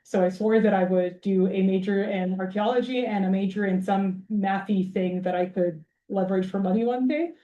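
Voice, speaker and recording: Her voice is warm and mid-range, moving at a moderate pace with few pauses, though the recording is muffled and echoes in a roomy lecture hall. She is a researcher from Belgrade, Serbia, taking audience questions informally after her public lecture, with a wry, self-deprecating touch.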